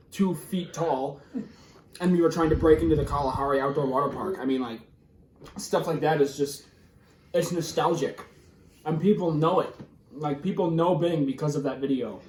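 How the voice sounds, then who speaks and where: A man's voice: on the high side, darkish tone, recorded from a distance. Candid American man, mouth burning from spicy food. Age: 20s. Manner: candid, rambling, slangy. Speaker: YouTube vlogger being interviewed. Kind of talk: casual interview answers. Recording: roomy, echoey sound.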